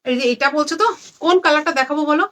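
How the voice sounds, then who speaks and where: A tired, low-energy woman selling saris on a live stream, repeating every price again and again. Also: racing, a bit bright. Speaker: online saree seller. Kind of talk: live-stream sales pitch. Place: indoors among stacks of saris.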